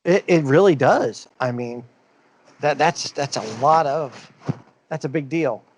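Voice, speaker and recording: Unhurried and on the high side, this male podcast co-host chats casually against slight background noise. His talk is loose and rambling; he reads the news aloud, saying uh a lot and starting his sentences over.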